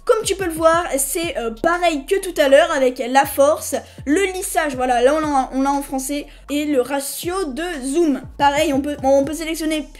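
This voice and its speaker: The host of this casual screen-capture software tutorial is a woman with a high voice who speaks at normal speed with few pauses. Her manner is chatty and hesitant, with restarted sentences and occasional apologies to viewers.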